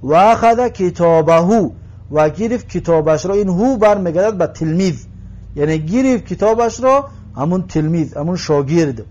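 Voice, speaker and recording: A man teaches a grammar lesson in a fairly high voice. He works through each phrase slowly and patiently, translating it and repeating it for his students. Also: expressive, a little mellow, muffled recording. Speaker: Arabic language teacher.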